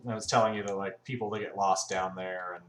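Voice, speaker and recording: Male gaming host, lowish voice, easygoing and full of ums, recorded in an echoey room with faint fan noise. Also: normal speed, fairly bright tone. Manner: rambling, filler-heavy, laid-back. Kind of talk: casual let's-play commentary. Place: room at home. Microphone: desk mic. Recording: roomy home recording with faint fan hum.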